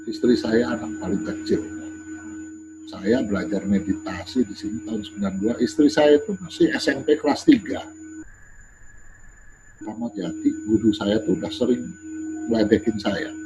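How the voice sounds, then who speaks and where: A man, a guest in an interview, telling anecdotes in a casual, animated way and laughing as he goes. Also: on the low side, normal speed, long pauses, background noise. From Indonesia.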